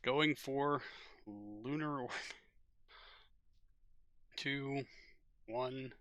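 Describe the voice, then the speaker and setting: A man streaming a game, talking casually and reacting loudly when things go wrong. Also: mid-range voice, drawn-out words, no echo. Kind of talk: live game commentary.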